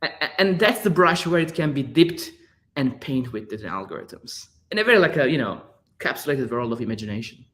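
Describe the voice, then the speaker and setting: This Turkish guest artist in his thirties gropes for his interview answers, repeating words and leaning on fillers, all in a Turkish accent. He has a mid-range, fairly bright voice that is sing-song and a little fast.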